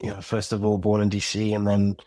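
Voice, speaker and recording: A man raised in Zimbabwe, an audio drama creator appearing as a podcast guest, reflects thoughtfully in an interview, searching for words, restarting often, and asking "you know what I mean." His fairly low voice is monotone, brisk, and mellow, with no echo.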